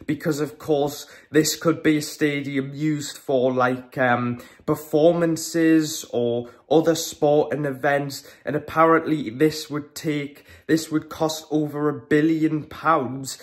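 A man's voice: on the high side, steady tone, slow, few pauses. A teenage guy vlogging to camera at home, chatty and opinionated, with frequent ums and restarts. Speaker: football vlogger. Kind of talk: casual vlog to camera. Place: small room at home, indoors.

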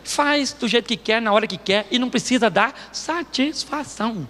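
High-voiced, joking pastor. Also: male voice, moderate pace, sharp tone, big-room sound, a little hiss or hum. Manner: joking storytelling, laughing often. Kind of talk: humorous sermon. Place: church stage.

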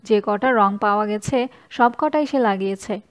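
A woman reading a first-person story as an audiobook narrator, in an even, measured way. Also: medium pitch.

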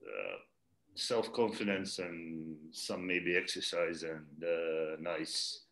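Deep slow guy from ukraine, laid-back on a video call. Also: vocal fry, fairly bright tone. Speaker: guest. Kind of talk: casual online interview. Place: indoor room, video call. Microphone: laptop mic on video call.

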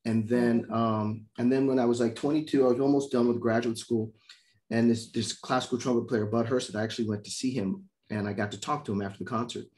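A middle-aged man from Miami, a trumpet player, telling animated stories in casual conversation over a video call. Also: medium pitch, a little fast. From Miami, Florida. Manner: animated storyteller, acts out quoted voices. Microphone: video call mic.

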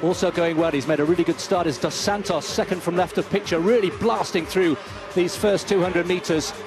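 Over music, a man with a high-sitting voice delivers live race commentary at a slightly quick clip. He presents the athletes before the start, then his calls build into excited yelling once they're running.

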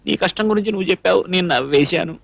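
A man's voice: high voice, gravelly, fairly bright tone, no room sound, muffled recording. A young man playing a flustered bachelor who scolds in exasperated bursts in a film comedy scene. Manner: exasperated rapid scolding with comic outbursts. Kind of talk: Telugu film comedy dialogue.

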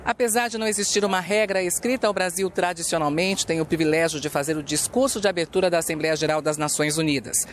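A man reading a short, informative news segment in an even tone. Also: on the high side, fast, few pauses, a little hiss or hum. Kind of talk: scripted news narration.

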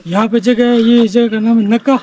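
A man's voice: very high voice, fairly even intonation, brisk, a little mellow, slight background noise. A man vlogging outdoors on a mountain trail, pointing out the scenery to viewers as he climbs, recorded on a handheld camera. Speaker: travel vlogger. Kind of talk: casual commentary while hiking.

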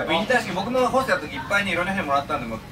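A young man chatting casually and excitedly at a nightclub party, teasing and repeating his phrases. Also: sits high, rapid-fire, heavy background noise. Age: young adult. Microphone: camera a few metres away. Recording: distant mic, loud music and crowd. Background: loud music and party crowd.

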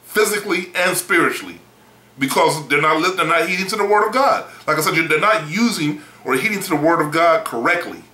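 A man's voice: a little high, animated, brisk, sharp tone, reverberant, low-quality recording. A man preaching a sermon in a blunt, emphatic, folksy way, often repeating words.

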